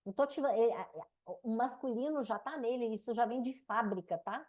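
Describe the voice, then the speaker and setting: A woman's voice: on the high side, brisk, a little mellow, lo-fi sound. A Brazilian woman teaching a relationship mentoring class, didactic and conversational, asking questions and answering them herself. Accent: Brazilian Portuguese. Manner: didactic, asks and answers her own questions.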